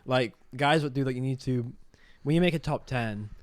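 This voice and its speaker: A man's voice: mid-range voice, normal speed, no room sound. A young man co-hosting a casual podcast, talking earnestly and opinionated with frequent restarts. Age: young adult. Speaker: podcast co-host. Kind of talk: casual chat.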